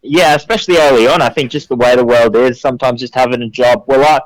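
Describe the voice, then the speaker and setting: An Australian musician with a Queensland accent chats casually as an interview guest, phoning in to a radio show. His medium-pitched voice is fairly even in intonation, he talks fast, and there's no echo.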